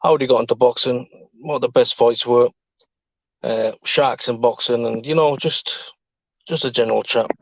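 A man's voice: mid-range voice, steady tone, moderate pace, vocal fry, no room sound, highs cut off. A man, hosting a podcast in a casual, chatty style. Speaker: podcast host. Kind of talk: casual chat.

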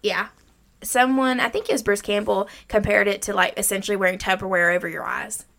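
A woman's voice: medium pitch, brisk, gravelly, a bit bright. A woman around her thirties hosting a movie recap, mixing scripted summary with informal, salty chat. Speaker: podcast host.

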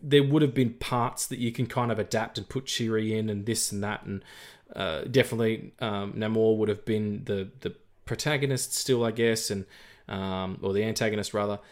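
A man's voice: fairly low pitch, fairly even intonation, moderate pace. Rambling man chatting about films. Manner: rambling, many fillers and restarts, jokey. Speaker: podcast co-host. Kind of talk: casual film review chat.

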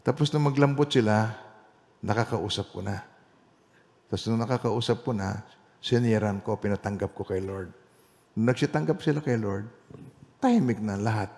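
A male pastor leading a Bible study, telling a personal testimony in an animated way that swings between loud emphasis and quiet asides. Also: medium pitch, normal speed, pauses often, big-room sound.

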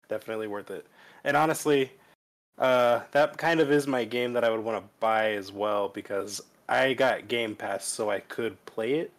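A man co-hosting a casual podcast, talking eagerly and stumbling over the first words of his sentences. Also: lowish voice. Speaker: podcast co-host. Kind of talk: casual chat.

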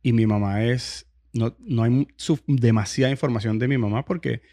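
Podcast host, a man, middle-pitched and conversational, who trips over his words and restarts a lot. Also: normal speed, dark tone. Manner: hesitant, repeats words while searching for them. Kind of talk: casual interview chat.

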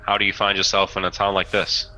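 A man playing an imposing, composed captain in tabletop role-play, speaking in a formal, measured, dryly sardonic way. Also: low-pitched, monotone, pushed and bright, faint music behind, rough recording. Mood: dryly courteous. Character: imposing, composed male captain bargaining with a prisoner.

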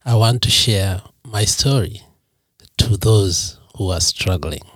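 A man with a husky, slightly low voice tells his own life story as a podcast guest. He speaks in an earnest, reflective way. The sound is dry and close. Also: slow, fairly bright tone, no room sound. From Kenya.

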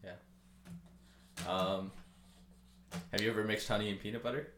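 A man's voice: lowish voice, fairly even intonation, moderate pace, a bit bright. A young man chatting casually as a guest, easygoing and matter-of-fact, explaining things in short pieces. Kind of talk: casual chat. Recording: echoey room with clear background noise.

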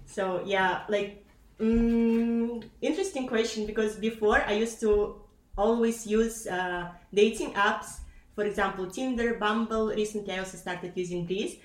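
A woman's voice: medium pitch, fairly even intonation, a little slow, roomy sound. A woman in her twenties from Kazakhstan, a podcast guest who chats casually with many "like" fillers. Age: 20s. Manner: chatty, laughs often, many "like" fillers.

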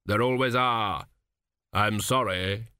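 Death as a grave, unhurried reaper who speaks in slow, measured, matter-of-fact words, put on by a man. The voice has an odd, set-apart timbre and a dry, close sound. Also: lowish voice, sharp tone, clear, resonant tone, no room sound. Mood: calm.

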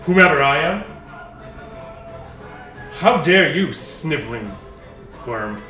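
A man acts out an aged, defiant patriarch of a noble house in a tabletop fantasy game. The voice is strong, raised well above normal and loudly projected, with haughty declamation. It rings in a roomy space over music. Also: on the high side, expressive, slow pace, voice pushed up, exaggerated voice. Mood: defiant, scornful. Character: defiant old male noble patriarch, proud warrior. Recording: roomy, distant mic, music playing.

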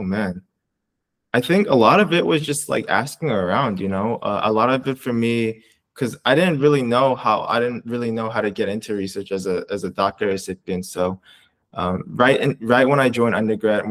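Answering interview questions, this young research coordinator from Canada wanders through his replies, restarting sentences and filling gaps with verbal padding. He speaks in a fairly low voice.

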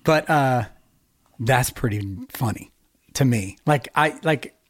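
Male podcast co-host, casual, rambling, quick to laugh, mid-pitched, dry recording. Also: no room sound. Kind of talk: casual chat.

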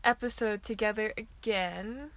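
A woman's voice: medium pitch, unhurried, fairly bright tone. A young woman hosting a casual chat with friends, giggling and trailing off mid-sentence. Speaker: host. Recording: noisy home recording.

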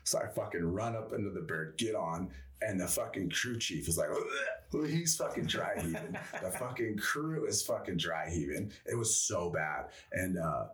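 Deep-voiced man telling a profane war story. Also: normal speed, distant mic. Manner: profane, rambling, animated storyteller. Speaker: guest, former Green Beret. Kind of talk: casual storytelling interview.

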